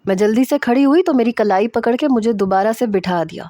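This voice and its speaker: A woman's voice: on the high side, mellow, no room sound, clean studio sound. Woman reading a romance story aloud. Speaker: story narrator. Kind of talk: first-person narration of a romance story.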